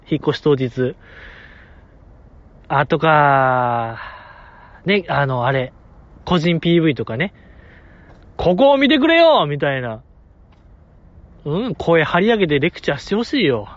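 A man's voice: fairly high pitch, no room sound. A man hosting a podcast in casual chat, joking and playful. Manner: animated, joking, playful put-on voices in quoted asides. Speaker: podcast host. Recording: dry, dull lo-fi podcast audio.

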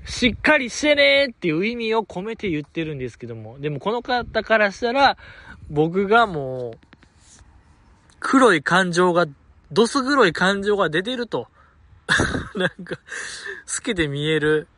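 A young man from Osaka with a Kansai accent hosting a podcast, telling stories in an animated, self-deprecating way. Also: sits high, unhurried, pauses often, no echo. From Osaka, Japan. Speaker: podcast host. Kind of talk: casual solo podcast talk.

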